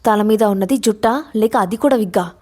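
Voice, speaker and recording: A woman plays a fiery, blunt young woman in a storybook audio drama, scolding hard and refusing to back down. Her voice sits at an ordinary middle pitch. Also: a little fast, darkish tone, close to an everyday voice. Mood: angry. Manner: angry, scolding.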